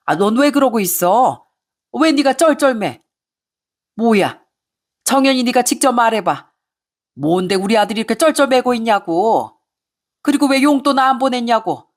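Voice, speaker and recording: Woman doing a shrill, scolding older mother-in-law. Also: lively intonation, a little slow, long pauses. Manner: scolding, nagging, raised voice.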